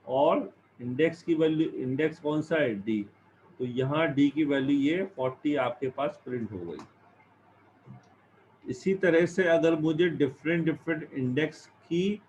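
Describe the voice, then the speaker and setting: A male teacher giving a classroom lesson, explaining each step and asking and answering his own questions. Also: medium pitch. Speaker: computer science teacher. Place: classroom with students. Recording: dull lo-fi recording with faint background noise.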